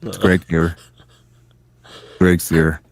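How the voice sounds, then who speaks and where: Deep voice-changer hacker guy, super slow flat bragging, dry close sound. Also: gravelly, dry recording, full character voice. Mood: smug boasting. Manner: slow, flat, menacing boasts. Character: boastful male online hacker mocked as everywhere. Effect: voice changer lowering the voice. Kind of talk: mocking bit on a livestream chat.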